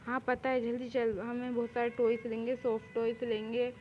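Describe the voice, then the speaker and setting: A young woman with a high voice chatters through every part of a homemade fan drama. Her lively lines come through a dull, lo-fi recording with faint noise underneath. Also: moderate pace. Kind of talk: fan drama voicing all roles.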